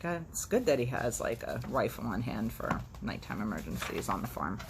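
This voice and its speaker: A woman with a very deep, creaky voice hosts storytime, reading with great animation at a normal speed. She drops in playful, sardonic, chatty asides, and there is faint background noise.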